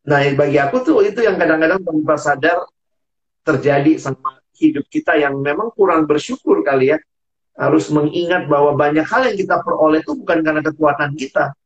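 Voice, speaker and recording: A man's voice: on the high side, brisk. Earnest man on lo-fi audio. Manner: earnest, acts out quoted dialogue. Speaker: guest speaker.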